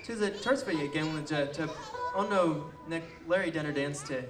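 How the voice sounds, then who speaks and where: A man talks backwards on stage, stringing mock-reversed words with halting pauses and fillers. His voice sits fairly high and comes from some distance in an echoey live room, with loud music around it. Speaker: band singer. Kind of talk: talking backwards in a made-up language.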